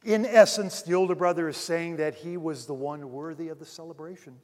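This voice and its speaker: A pastor preaches with a high voice that rings out in a large hall with a long reverb. He swings from ringing emphasis to almost hushed asides, addressing the congregation as dear friends. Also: fairly quick. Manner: dramatic swings between loud emphasis and near-hushed asides. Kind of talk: sermon.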